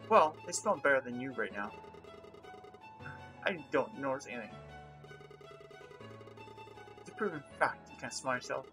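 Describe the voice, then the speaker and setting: A game reviewer reads game dialogue aloud, with a lively pitch that swings up and down. The speaker switches back and forth between the lines of two bickering characters. Game music plays clearly underneath. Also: a little fast.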